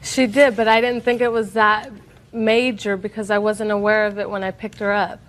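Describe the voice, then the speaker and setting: A woman's voice: mid-range voice, flat delivery, moderate pace. A woman giving spontaneous, matter-of-fact testimony as a litigant in small claims court.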